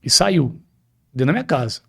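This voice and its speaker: A man's voice: mid-range voice, big pitch swings, normal speed, gravelly, slightly rough. A man with a Brazilian Portuguese accent, a pastor telling his personal testimony as a podcast guest, acting out the dialogue as he tells it. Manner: vivid storytelling, acting out quoted dialogue.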